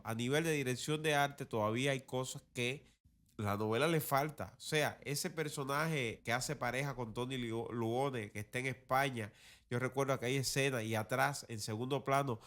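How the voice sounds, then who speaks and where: A podcast host who is also a teacher runs a commentary show, sharing critical opinions in a colloquial, teacherly way. His mid-pitched voice has a fairly bright tone.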